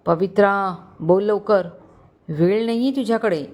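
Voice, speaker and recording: A woman's voice: medium pitch, unhurried, lightly acted. A woman voicing an angry, protective young husband who threatens and commands. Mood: furious. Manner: shouting, commanding, stony.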